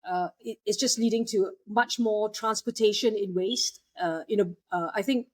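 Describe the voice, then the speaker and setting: This Malaysian woman, a waste technology entrepreneur, is a guest in a conversational interview. Her mid-range voice has a darkish tone and moves at normal speed, and she speaks hesitantly, with lots of fillers and restarts.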